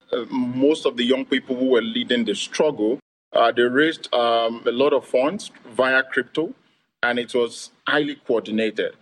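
A man's voice: medium pitch, a bit bright, low-quality recording. Methodical man answering on a panel. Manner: methodical, many fillers. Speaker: panel guest.

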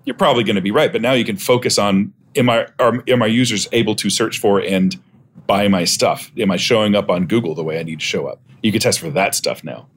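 A middle-aged man with a fairly low voice, speaking as a podcast guest. His talk is casual and explanatory, over faint background noise. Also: a little fast. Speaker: podcast guest, software testing expert.

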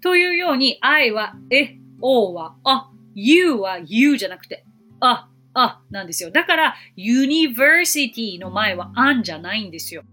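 A woman teaching English on a podcast, explaining and slowing down for examples. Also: fairly high pitch, big pitch swings, pushed and bright, soft background music. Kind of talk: podcast lesson.

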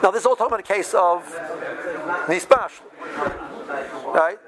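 A man's voice: sits high, normal speed, over a noisy crowd. A man teaches religious law. His delivery is informal, working through homely examples and tossing in short rhetorical questions as he goes. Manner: talks through everyday examples with rhetorical checks. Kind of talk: informal spoken lesson.

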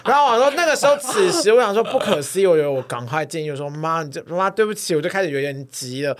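A young man tells a long story in a casual podcast chat. His voice sits a little high and the words come quickly. He acts out the lines of the people in his story and laughs along with his friends. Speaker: podcast co-host.

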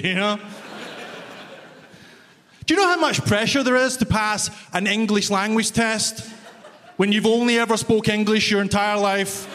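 Here a Scottish comic from Glasgow, speaking with a Glaswegian accent, checks in with a laughing audience in a large concert hall during a self-deprecating, wry routine. He has a high, somewhat bright voice, and the recording picks up hall reverb and faint room noise.

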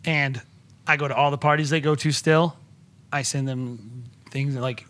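A man's voice: mid-range voice, steady tone, unhurried, a bit bright. A man guesting on a podcast, talking shop enthusiastically in a rambling way with many restarts. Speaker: podcast guest, wedding filmmaker. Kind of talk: casual podcast conversation.

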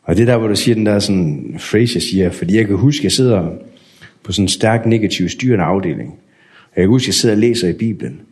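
A man telling his personal story in a candid, unhurried way, acting out remembered conversations. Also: lowish voice, animated, a little mellow. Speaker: guest sharing a testimony.

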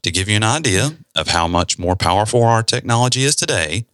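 A man with a very low voice and a forceful, bright edge hosts a podcast. He explains at an easy conversational pace, slipping in casual asides. The sound is close and dry, with no room around it. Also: lively intonation, brisk, dry recording. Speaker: podcast host.

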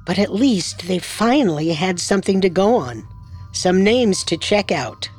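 A woman narrating a true crime podcast in a measured, dramatic scripted style. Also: medium pitch, expressive, darkish tone, husky, faint music behind.

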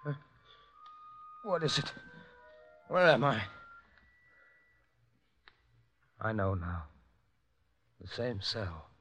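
A man's voice: on the low side, big pitch swings, slow, a bit bright, soft background music, full character voice. An actor playing Taro, a determined male prisoner who speaks urgently and earnestly in a radio drama. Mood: dazed.

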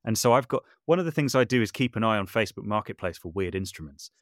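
Talking fast with lively intonation, a man on the low side of the pitch range appears as a podcast guest, a composer and voice artist. He's chatty and self-deprecating, with frequent false starts, in a dry, studio-quality recording.

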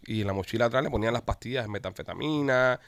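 A man hosting a podcast in casual group chat, telling stories in an animated, profane way. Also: mid-range voice, fast, dry recording. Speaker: podcast host.

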